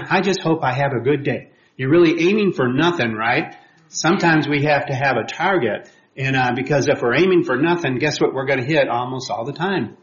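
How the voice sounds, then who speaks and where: A man teaching a church class on sharing faith, talking conversationally with many fillers and quick apologies when he slips. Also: fairly high pitch, a bit bright. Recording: roomy, dull lo-fi room recording.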